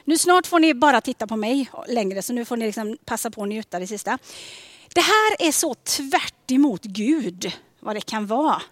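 A woman giving a sermon in a gentle, conversational way, often dropping to a soft near-whisper on key questions. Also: a little high, expressive, dry recording, clean studio sound. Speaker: preacher.

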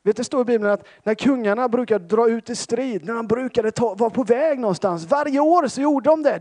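A man's voice: very high-pitched, dark tone. A Swedish man from Småland preaching a sermon as a pentecostal pastor, telling stories with self-deprecating humor and many fillers. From Sävsjö, Småland, Sweden.

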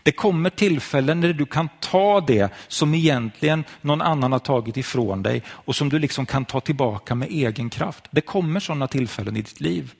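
A man's voice: mid-range voice, expressive, creaky, few pauses, slightly rough. A man preaching to viewers at home, telling a Bible story and speaking directly to the listener.

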